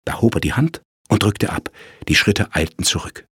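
A man reads a crime story aloud in a lively storytelling manner. His voice is low and very husky, and his pitch moves a lot. The sound is dry and close. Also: normal speed, no room sound. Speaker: narrator. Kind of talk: audiobook narration of a crime story.

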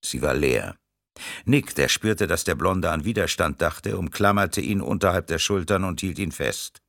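A man reading a thriller audiobook in a steady, measured narration. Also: low-pitched, vocal fry, no echo, clean studio sound.

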